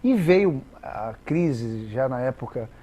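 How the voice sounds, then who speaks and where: A Brazilian man with a Brazilian Portuguese accent, a guest explaining English pronunciation in a didactic, halting way with many repeated words. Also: mid-range voice, animated, mellow, a little hiss or hum. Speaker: interview guest, English teacher. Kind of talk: explanatory interview talk.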